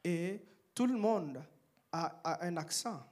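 A man's voice: high-pitched, animated, slow pace, a little mellow. A man giving live interpretation of a sermon, echoing the preacher phrase by phrase.

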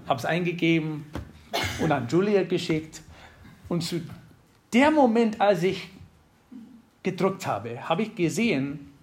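High-voiced man preaching casually. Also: a little hiss or hum. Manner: conversational, jokes with the congregation. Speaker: pastor. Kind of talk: sermon.

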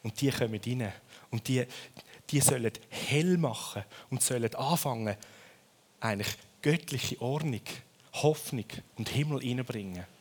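A man from Switzerland with a Swiss accent, preaching a sermon in a lively storytelling way and often ending his phrases with a questioning tag. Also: medium pitch, a little slow.

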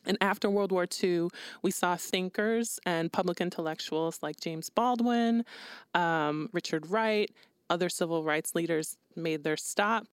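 A woman's voice: lowish voice, smooth, no room sound. A woman co-hosting a podcast, talking in a casual, reflective and rambling way, with many fillers. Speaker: podcast co-host.

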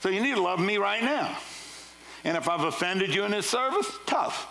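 A man's voice: high-pitched, animated, moderate pace, sharp tone, a little hiss or hum, low-quality recording. A man preaching a sermon, firing rhetorical questions and casual asides at his congregation. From Louisiana. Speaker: pastor.

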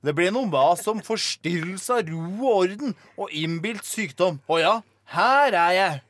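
Excitable bumbling man played by a man, high voice that swoops around a lot, blustering, dry sound, live radio comedy. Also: no room sound.

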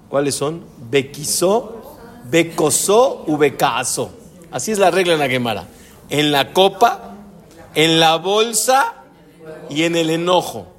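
A man's voice: fairly high pitch, a bit bright. A man, a rabbi giving a storytelling Torah class who keeps asking his listeners rhetorical questions.

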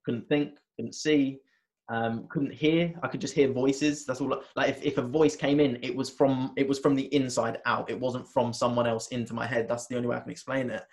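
A man, a guest in a conversation, telling a personal story in an animated way, with many restarts and fillers. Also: mid-range voice, moderate pace. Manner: animated retelling, acting out his own past words. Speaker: interview guest, wellness coach.

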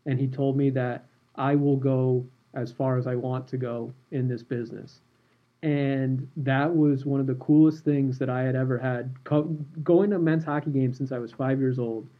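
A man hosting a podcast, telling a story in a relaxed, animated way. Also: medium pitch, dull audio. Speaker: podcast host and former sports reporter.

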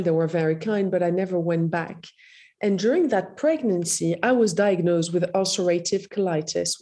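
A woman with a blended French, Iranian and Moroccan accent, telling her story as an interview guest in a polite, measured way. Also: lowish voice, dark tone. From Morocco, later France. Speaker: podcast guest, health platform founder.

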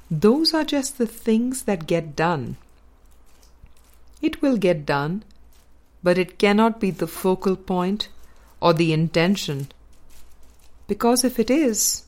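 Reading from a spiritual book, this female audiobook reader speaks in a fairly low and a little mellow voice. Her delivery is very slow, every phrase carefully measured and set down with intent, in true narrator fashion.

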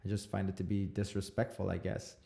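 A man in his thirties from Texas, hosting a casual podcast conversation in a relaxed, rambling way. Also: low-pitched, fairly quick, creaky. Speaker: podcast host.

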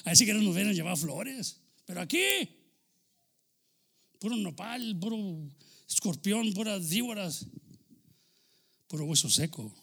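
A man preaching a sermon as pastor, swinging between loud exclamations and low asides. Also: expressive, unhurried, vocal fry, long pauses, husky.

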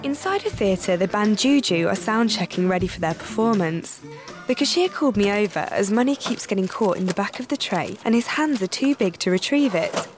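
A woman's voice: medium pitch, expressive, fairly quick. A woman reads scripted documentary narration and asks interview questions as the reporter.

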